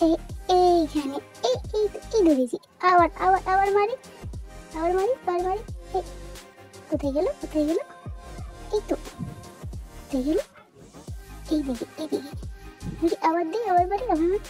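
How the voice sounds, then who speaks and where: Very high squeaky girl doll, bossy and stubborn, mellow tone, faint music behind. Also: animated, moderate pace, long pauses. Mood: playful. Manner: childlike, squeaky, scolding.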